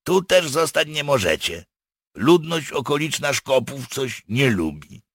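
A man's voice: mid-range voice, sing-song, a little slow, vocal fry, fairly bright tone, husky, no echo, clean studio sound, pitched above the performer's own voice, exaggerated voice. A man voicing a hardened male Cossack partisan, grim and matter-of-fact in an audiobook. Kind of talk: audiobook character voice.

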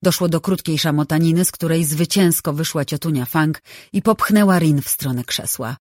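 Audiobook narrator reading a novel, steady measured delivery, super dry close mic. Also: mid-range voice, no echo.

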